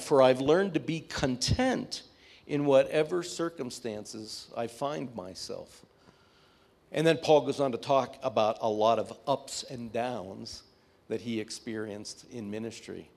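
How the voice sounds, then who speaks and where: Give me a male pastor giving a livestreamed sermon, heard through livestream audio, reading scripture aloud and often pausing on "uh". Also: mid-range voice, creaky, darkish tone. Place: church sanctuary.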